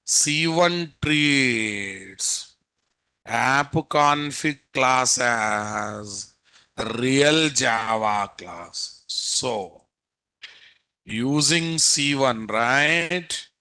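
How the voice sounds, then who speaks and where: Slow, bright-voiced Indian Telugu-accented male instructor. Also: medium pitch, lively intonation, clean tone. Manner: prodding, repetitive rhetorical questions. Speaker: programming instructor. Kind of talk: live technical lecture quizzing students.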